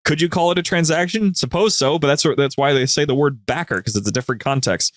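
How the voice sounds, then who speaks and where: Talking fast in a higher-pitched voice, a man guests on a podcast and spins informal, slangy stories that ramble. The recording is dry and studio quality.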